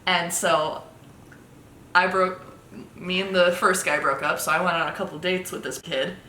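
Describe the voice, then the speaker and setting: A young woman tells a story in an easy, animated way, finishing her partner's sentences. Her voice is bright and fairly low-pitched. The sound is echoey, with a faint rumble behind it. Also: moderate pace. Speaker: vlogger. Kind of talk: casual storytelling chat.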